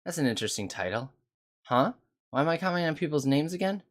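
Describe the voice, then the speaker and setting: A man's voice: fairly high pitch, very animated, fast, pitched above the performer's own voice. A man reading aloud the lines of a short-tempered young female technical consultant, snappish and complaining. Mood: grumpy. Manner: snappish, complaining, then apologetic. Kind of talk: reading game dialogue aloud.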